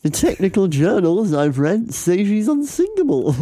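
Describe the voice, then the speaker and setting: A man's voice: high-pitched, sing-song, moderate pace, dark tone, no room sound, studio quality, voice pushed up. A man playing a stout, pompous middle-aged Englishman who blusters with confidence. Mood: boastful. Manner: blustering, boastful.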